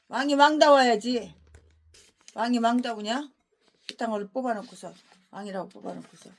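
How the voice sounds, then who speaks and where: A woman pastor delivers a fiery expository sermon in a high, piercing voice. She scolds relentlessly, hammering the same phrases again and again. She jumps from loud rhetorical questions to low, grumbling insults. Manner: repeats phrases for emphasis.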